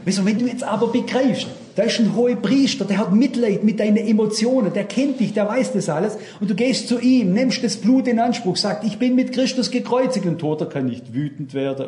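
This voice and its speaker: Fervent older preacher, high voice, echoey room. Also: male voice, dark tone. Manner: fervent, addresses the congregation directly with questions. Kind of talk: sermon.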